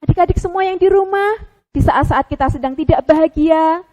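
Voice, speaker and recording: A woman, a children's church teacher, telling a story directly to young children in a lively way. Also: extremely high pitch, brisk.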